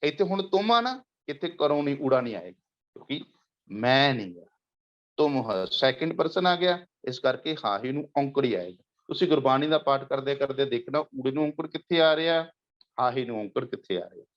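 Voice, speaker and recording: A man with a Punjabi accent giving a patient lecture, repeating words and chanting verses slowly. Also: mid-range voice, sing-song, muffled recording. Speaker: teacher. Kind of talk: lecture on Gurbani grammar with slides.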